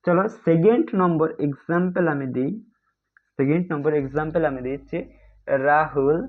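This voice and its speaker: A man's voice: a little high, a little fast. A man teaching an exam-prep grammar class online in a chatty way, often checking if students follow and calling them brother. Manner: chatty, keeps asking "ঠিক আছে?"; addresses students as "bhai", mixes English terms. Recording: tinny phone-like audio.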